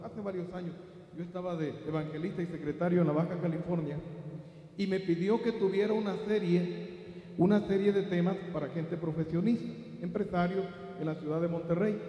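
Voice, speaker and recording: A middle-aged Mexican man preaching a sermon as pastor, rising to emphatic peaks and dropping to soft asides. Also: high-pitched, fairly even intonation, brisk, muffled recording. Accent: Mexican Spanish. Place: large church hall. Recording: very echoey church hall.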